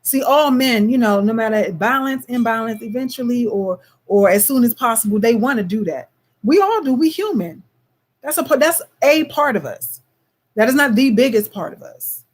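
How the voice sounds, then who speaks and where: A woman with a slightly high voice and talks in a loose, chatty monologue. She keeps checking in with her listeners and now and then slips into a put-on Caribbean lilt. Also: normal speed. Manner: loose and conversational, frequent "you know what I'm saying". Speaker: vlogger. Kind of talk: casual monologue.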